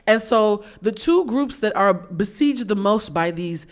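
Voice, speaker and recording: A woman in her thirties from the US East Coast, hosting a candid podcast conversation, blunt and animated, acting out quotes. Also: medium pitch, unhurried. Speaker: podcast host.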